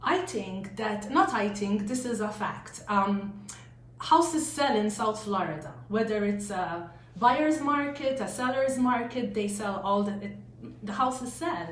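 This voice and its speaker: A woman with a Maltese accent answering casual interview questions as a real estate agent, often starting haltingly. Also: mid-range voice, expressive. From Malta. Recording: echoey room, faint noise.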